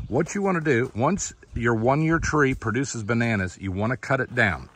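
A man's voice: mid-range voice, normal speed, a bit bright. A man in his fifties filming an enthusiastic, folksy farm vlog outdoors by a chicken pen, explaining as he goes into a phone held at arm's length. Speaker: farm vlogger. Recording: faint outdoor noise with chickens clucking.

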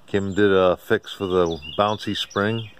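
Standing outdoors on a home driveway, a radio amateur gives unscripted, colloquial narration for his own walkaround video, his voice on the low side with fairly even intonation and a halting, plain-spoken style. A handheld camera or phone, operated by someone off screen, captures it along with birds and outdoor ambience.

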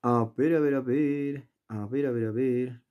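A math tutor with a medium-pitched voice talks a little slowly, with fairly even intonation and phone-quality sound. His geometry lesson is a relaxed worked problem, full of questions to the viewer and self-talk through the steps. He sits indoors at a desk, shooting the worksheet from overhead.

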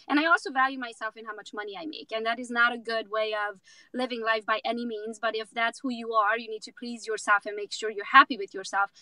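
A woman's voice: on the high side, sharp tone, no room sound, poor audio. A woman from Romania, a real estate agent in her thirties, talking outspokenly and with jokes as a guest in a casual interview. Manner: outspoken, confident, joking.

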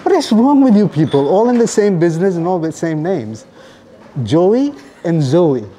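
A man's voice: high voice, sing-song, normal speed, warm tone. A man hosting a vlog, teasing and joking with guests in a cafe, recorded on a handheld camera mic. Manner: playful, teasing, self-mocking. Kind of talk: casual teasing chat. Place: indoor cafe.

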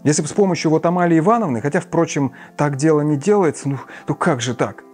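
A man reading an audiobook, voicing a smug, wordy gentleman who hems and mumbles. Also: fairly high pitch, quick pace, faint music behind, pitched above the performer's own voice, close to an everyday voice. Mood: flustered mumbling. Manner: wordy, pompous, hesitant mumbling. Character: pompous middle-aged gentleman, smug and fussy.

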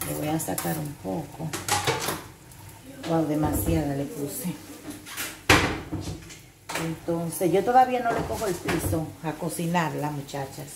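An older woman hosts a relaxed cooking vlog from her home kitchen, chatting with viewers as she cooks and calling them "chicas." Her voice is low, gravelly and unhurried, with long pauses. The audio is very noisy, echoing around the kitchen amid clattering pots.

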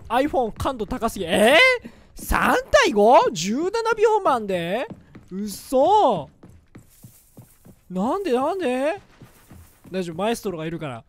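Brief: male gameplay commentator, playful and jokey, lively swooping delivery, sudden yelps in tense moments. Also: sits high. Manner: excitable, jokey, bursts into loud yelps during fights. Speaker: gaming commentator. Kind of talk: let's-play game commentary.

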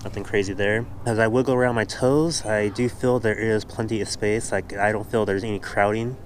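Low-voiced man chatting in a casual vlog. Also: steady tone, brisk, a little hiss or hum. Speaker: running vlogger reviewing gear. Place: outdoors in a walled backyard. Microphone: action camera at arm's length.

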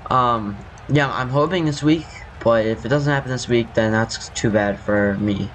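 Young guy, scratchy just-woke-up voice, mid pitch, rambling gameplay commentary, faint background hiss. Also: normal speed. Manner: rambling, self-correcting, apologetic. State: scratchy morning voice. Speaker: gaming youtuber.

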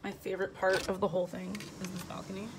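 A woman in her twenties with a hoarse, lost voice, chatting playfully and teasing herself in a casual travel vlog filmed on a phone in a resort room. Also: mid-range voice, completely flat delivery, quick pace, noisy background. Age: 20s. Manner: chatty, self-mocking, playful. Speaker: vlogger. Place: resort hotel room in the tropics. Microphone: handheld phone camera.

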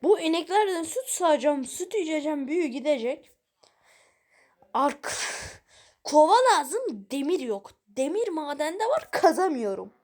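A woman's voice: sits high, very animated, moderate pace, a little mellow. A woman giving casual let's-play commentary, exasperated and grumbling at the game while talking straight to her viewers. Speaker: gaming video creator.

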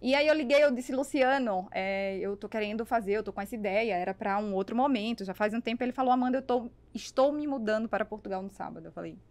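Guesting on a podcast, a Brazilian-accented businesswoman and networker in her thirties spins lively conversational stories at a quick clip with few pauses. Her voice sits on the high side and sounds a little mellow. A boom-mounted mic picks her up up close in a small studio lined with acoustic foam.

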